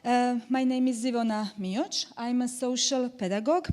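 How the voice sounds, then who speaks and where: A woman's voice: fairly high pitch, steady tone, moderate pace, darkish tone. A woman from Croatia giving a conference presentation, hesitant, with many filler sounds. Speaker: presenter, social pedagogue.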